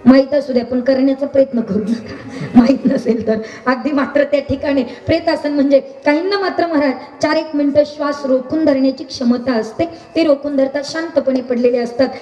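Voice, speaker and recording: High-voiced woman preacher in an echoey hall. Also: brisk, distant mic, muffled recording. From Maharashtra, India. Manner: animated, asks the audience questions. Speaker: kirtan preacher. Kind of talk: devotional storytelling sermon.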